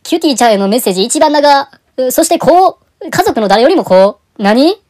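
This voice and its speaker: A woman voicing an eldest brother in a cartoon who fires loud comic retorts in a Kansai accent. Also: sits high, expressive, brisk. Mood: exasperated. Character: eldest brother, stern then exasperated.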